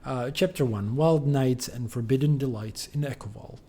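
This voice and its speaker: Streamer guy reading game books out loud, wry and amused, faint noise behind. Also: medium pitch, normal speed. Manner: wry, amused, with restarts and asides. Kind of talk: reading in-game books aloud while gaming.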